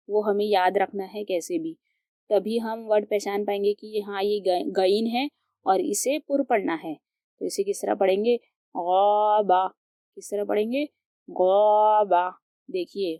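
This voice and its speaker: A woman's voice: medium pitch, mellow, dry recording, clean studio sound. A woman teaching Quran reading to beginners, who patiently repeats each example word and asks her students questions. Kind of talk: step-by-step tajweed lesson.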